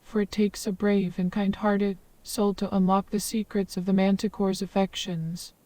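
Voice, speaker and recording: A woman's voice: mid-range voice, little pitch movement, normal speed, dark tone, dry recording, recorded from a distance, close to an everyday voice. Synthetic female voice as a flowery old forest hermit. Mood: calm, flowery. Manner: ornate, long-winded, formal phrasing.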